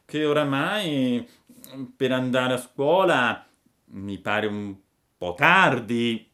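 A man reading a storybook, voicing a mischievous wooden puppet boy in a high, loud, excitable voice. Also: extremely slow, full character voice. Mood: sulky.

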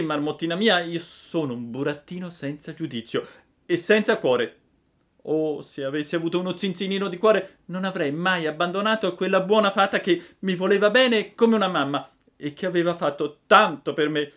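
A man voicing a panicky, wailing wooden puppet boy in a high, shrill voice. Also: normal speed, a bit bright. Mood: wailing, pleading.

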